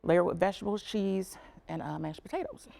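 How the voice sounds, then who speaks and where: A woman speaking as a restaurant manager in a casual cooking interview, haltingly and repeating herself. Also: on the low side, sing-song, creaky, warm tone.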